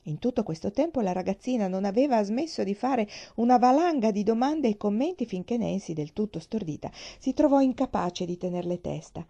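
A woman reading a children's novel aloud in a calm, measured way. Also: medium pitch, highs cut off. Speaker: reader. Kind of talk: audiobook narration.

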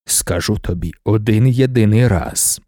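A man voicing an ancient, imperious male god-emperor in an audiobook, speaking in a slow, measured, commanding way. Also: fairly low pitch, expressive, mellow, dry recording, studio quality, voice pushed down. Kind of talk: audiobook character voice.

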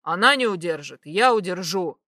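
A woman voicing a gruff, commanding young nobleman who speaks curtly and coldly. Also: on the low side, lively intonation, moderate pace, bright, forceful tone, no room sound, clean studio sound, voice pushed down. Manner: curt, cold, bossy.

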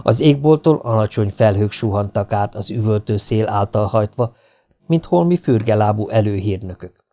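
A man reading an audiobook in a steady, measured narration. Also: lowish voice.

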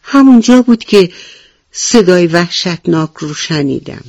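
A woman's voice: sits low, animated, a little mellow, no echo. A woman voicing a timid, jumpy little rabbit who panics easily and talks in frightened pleading. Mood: fearful.

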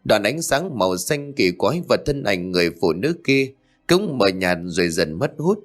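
A man with a low voice narrates a ghost story, his delivery dramatic and full of lively rises and falls. Faint music runs underneath. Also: normal speed. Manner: dramatic, expressive.

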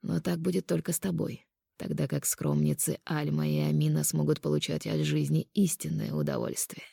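A woman's voice: flat delivery, normal speed, creaky, breathy edge, no echo, clean studio sound, heavily acted. A woman voicing a cold, menacing conqueror. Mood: cold menace. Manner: low, hushed, taunting. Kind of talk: audiobook character voice.

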